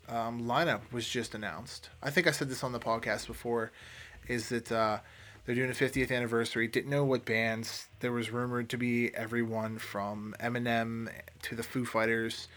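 A man's voice: mid-range voice, a bit bright. A man, hosting a casual solo podcast and rambling with lots of swearing, fillers and restarts. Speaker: podcast host.

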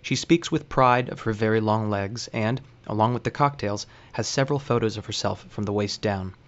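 A man hosting a show, reading scripted narration in a dry, deliberate and wry way. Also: lowish voice, dull audio. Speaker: host.

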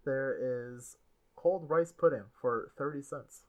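A podcast host in casual comedic chat, talking fast, swearing freely and jumping into silly voices. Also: medium pitch, a little mellow.

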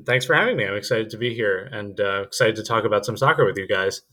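Bright-voiced young American man, podcast guest. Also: fairly low pitch, fast talker. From United States. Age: young adult. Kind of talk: casual chat.

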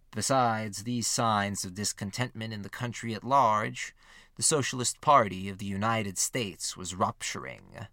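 A man giving scripted narration for a history podcast, measured and steady, reading quotes with lifted emphasis. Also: mid-range voice, no room sound, studio quality.

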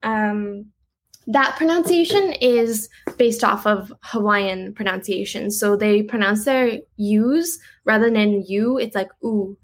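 A young woman talking casually about her music in an interview, chatty and quick to laugh, with lots of "like" in her speech. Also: mid-range voice, a little hiss or hum, low-quality recording. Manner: chatty, uses "like" a lot, laughs easily. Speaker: guest musician.

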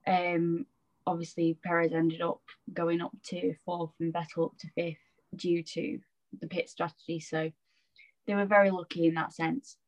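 A woman chatting on a podcast in a somewhat low voice. Her manner is relaxed and agreeable, and she often hedges her points as she talks. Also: moderate pace, poor audio. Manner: easygoing, agreeable, uses fillers like "I reckon". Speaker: podcast co-host. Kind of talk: casual chat.

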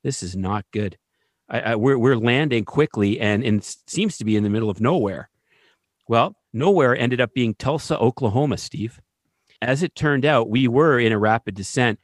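Man, casual storyteller, animated, mid pitch, dry. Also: moderate pace, dry recording. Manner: animated, keeps asking "right?".

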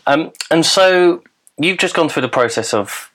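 A man hosting a conversational interview in a wooden garden cabin, with slightly halting phrasing. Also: fairly high pitch, expressive, fairly bright tone. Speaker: podcast host and interviewer.

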